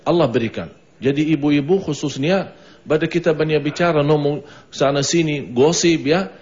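A man's voice: on the high side, moderate pace, darkish tone. A man with an Indonesian accent giving a mosque sermon, telling a story, acting out the voices and chanting phrases of remembrance, on a dull lo-fi broadcast recording. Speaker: preacher.

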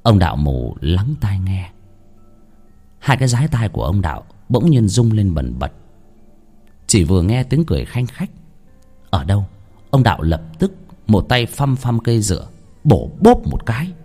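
A man narrating a ghost story at an unhurried, dramatic pace. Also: lowish voice, sing-song, mellow, husky, faint music behind.

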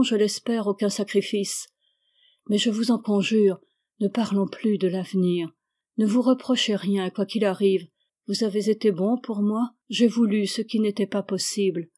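A woman voicing a grieving, feverish young woman in love, speaking in a slow, tender, pleading way. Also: medium pitch, mellow, natural voice.

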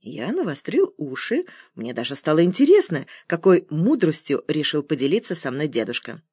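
A woman narrating an audiobook in an expressive, ironic storytelling manner, close to the mic. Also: low-pitched, moderate pace, slightly rough, no room sound. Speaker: audiobook reader.

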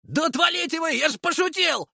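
A man voicing a loud, boastful young show-off who brags and taunts in a squeaky voice. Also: animated, brisk, gravelly, dry recording, clean studio sound, full character voice. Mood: cheeky.

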